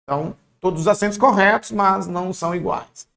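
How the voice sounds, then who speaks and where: A man with a high, gravelly voice teaches an online exam-prep lesson at a fairly quick pace. He's lively, colloquial, and encouraging, frequently checking in with his students.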